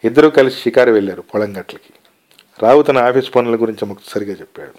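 Male story reader, mid-pitched, calm and measured read-aloud narration.

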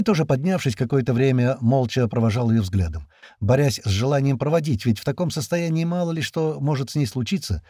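A man doing scripted narration of an audiobook with expressive, steady storytelling. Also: mid-range voice, dry recording, clean studio sound.

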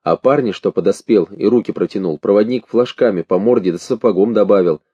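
A man narrating a literary audiobook in measured, expressive short phrases. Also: on the low side, husky, no echo. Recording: dull lo-fi dry recording.

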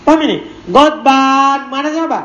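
A man's voice: extremely high pitch, normal speed, pushed and bright, faint music behind. A man teaching a classroom lesson, reading a text aloud, translating it and quizzing his students with questions. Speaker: teacher of Arabic morphology. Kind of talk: classroom lesson with call-and-response. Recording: echoey room, faint background noise.

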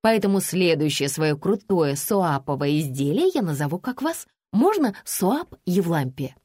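A woman's voice: fairly low pitch, sing-song, unhurried, darkish tone, husky, no echo, clean studio sound, heavily acted. A woman voicing a young shop girl and beginner chocolatier, whining and eager.

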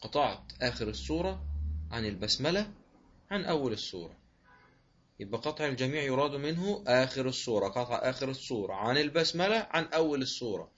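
A man's voice: mid-range voice, expressive, quick pace, a bit bright, muffled recording, slight background noise. A man with an Egyptian accent teaching Quran recitation rules in an online lesson, patiently repeating each rule and answering his own questions. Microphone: online voice room.

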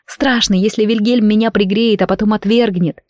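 A woman's voice: medium pitch, steady tone, moderate pace, darkish tone, dry recording, clean studio sound. A woman reading a first-person audiobook with an emotional, intimate delivery. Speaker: audiobook narrator.

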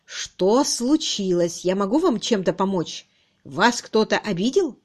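A woman voicing a composed young noblewoman who speaks gently and soothingly in an audiobook. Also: medium pitch, lively intonation, close to an everyday voice. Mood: gentle. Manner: brisk, then gentle and soothing. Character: composed young noblewoman, kind but startled.

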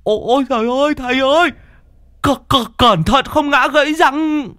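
A man's voice: very high voice, normal speed, pushed and bright, no room sound, studio quality, pitched above the performer's own voice. A man voicing a jittery young male disciple who stammers in a panic. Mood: alarmed.

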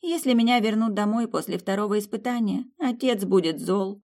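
An audiobook reader voicing a sad young blonde woman who is a worried bride candidate, speaking downcast and quietly resigned. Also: mid-range voice, a little fast, pitched above the performer's own voice, close to an everyday voice. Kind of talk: audiobook character voice.

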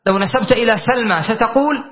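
High-voiced man teaching a grammar lesson. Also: fast. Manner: explains patiently, checks in with students. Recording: dull lo-fi recording.

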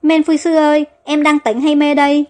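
A woman's voice: high voice, little pitch movement, normal speed, a little mellow, close to an everyday voice. A woman voicing a young queen in an audio story, breathless and frightened. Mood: anxious. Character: young queen waking in danger.

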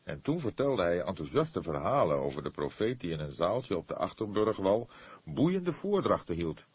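A male reader voices a seasoned senior police detective in audiobook character dialogue, low and husky, measured, patient and earnest in explaining. The performance is very animated and heavily acted, in a dry recording.

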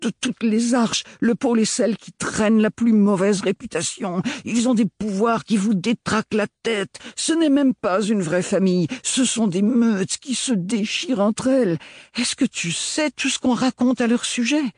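A man doing a cantankerous elderly great-uncle from a storybook, his voice pushed up high and loud as he scolds and blusters. The voice has a husky grain and sits close and dry. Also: measured pace, no room sound. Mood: indignant. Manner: indignant, scolding outbursts. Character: grumpy old great-uncle, archivist, blustering.

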